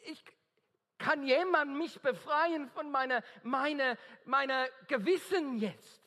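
With a very high, sharp-toned voice, an Australian man delivers an earnest, emphatic evangelistic sermon in German, his second language after English, stumbling now and then. He speaks slowly and deliberately, and the large hall lends a long, trailing reverb.

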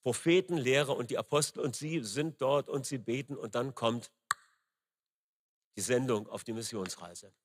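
A middle-aged man preaching a sermon, emphatic and rising loud on key words, with frequent fillers. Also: mid-range voice, moderate pace, husky. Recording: long reverb in a large hall.

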